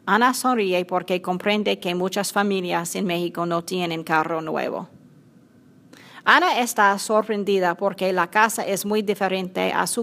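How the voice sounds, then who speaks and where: A woman narrating a simple storybook in a clear, measured reading voice. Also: medium pitch, fairly bright tone.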